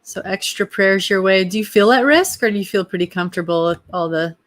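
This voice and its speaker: A woman's voice: medium pitch, fairly quick, a bit bright. Woman, interview host, friendly easygoing questions, casual tone.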